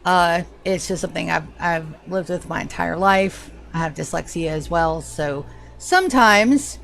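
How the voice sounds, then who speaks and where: Here her voice is lowish, creaky and unhurried, though the tone stays fairly bright. The Southern woman from Georgia, who has a slight lisp, chats casually through her live gameplay stream and welcomes viewers by name.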